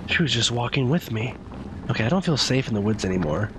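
Guy streaming a scary game, nervous casual commentary, average pitch, game ambience behind him. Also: animated, fast talker, background noise. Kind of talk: casual live gameplay commentary.

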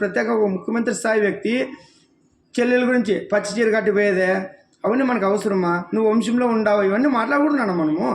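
A man's voice: very high voice, reverberant. A man from the region giving an impassioned political rant, scolding his target with one rhetorical question after another. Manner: scolding, rhetorical questions, addresses listener as nuvvu. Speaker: devotional channel speaker.

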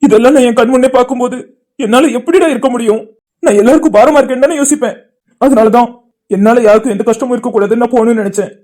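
A guilt-ridden, heartbroken young man in a cartoon, voiced by a woman. The lines come out fast and pained, each one pleading. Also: fairly high pitch, warm tone, close to an everyday voice. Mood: despairing. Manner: anguished, pleading speech.

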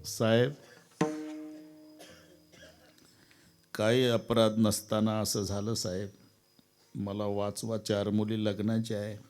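A man acting out a frightened poor man who pleads softly in a low voice. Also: flat delivery, unhurried, natural voice. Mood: pleading.

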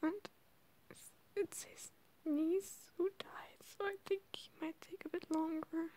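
A teenage girl vlogging late at night, whispering through tears in halting, hesitant bursts. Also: very high-pitched, steady tone, dark tone. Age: teens. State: crying.

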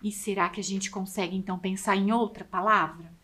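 A Brazilian woman teacher giving a lesson to children, spelling words out slowly and sounding out syllables with exaggerated care. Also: medium pitch, fairly even intonation, bright, forceful tone. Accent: Brazilian Portuguese. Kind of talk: slow, drawn-out classroom instruction for children.

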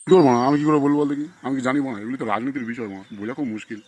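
A man's voice: medium pitch, racing, darkish tone, natural voice. A man voicing a weary, resigned male villager in a comedy cartoon, answering with a shrug. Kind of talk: cartoon voice acting.

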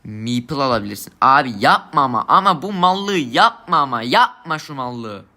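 Young man, frustrated gamer, swearing rants at teammates, sharp forceful tone. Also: mid-range voice, very animated, normal speed. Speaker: gamer streamer. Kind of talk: angry gameplay commentary.

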